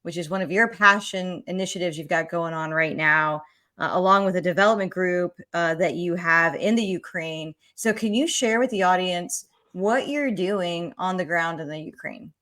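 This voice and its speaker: A woman's voice: fairly low pitch, moderate pace, sharp tone. A woman hosting a podcast, chatting in an upbeat way with her guest. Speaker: podcast host. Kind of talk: casual interview talk.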